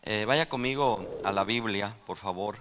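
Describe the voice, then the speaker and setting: Spanish-speaking pastor with a bright, forceful voice. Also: male voice, on the low side, measured pace, slight background noise. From Texas. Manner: preaching, calls for amens and asks the congregation questions; builds from quiet teaching to loud fervent exclamations. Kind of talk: sermon. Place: church sanctuary.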